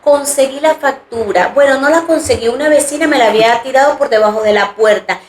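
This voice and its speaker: A woman's voice: sits high, fast talker, slight background noise. A woman co-hosting a podcast, telling a long personal story in a chatty, rambling way and voicing the people in it. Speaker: podcast co-host. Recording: roomy echo.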